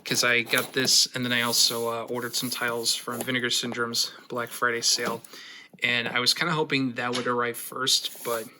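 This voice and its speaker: Man, unboxing vlog host, very bright, flat-toned delivery, casual with dry sarcasm, slight hiss behind. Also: medium pitch, normal speed. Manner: relaxed, chatty, dry sarcastic asides with many fillers.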